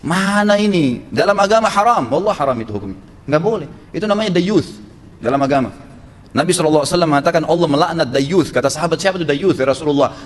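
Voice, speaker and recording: A man preaching a sermon with blunt, emphatic advice. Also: a little high. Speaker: Islamic preacher. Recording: long echo in a hall, faint noise.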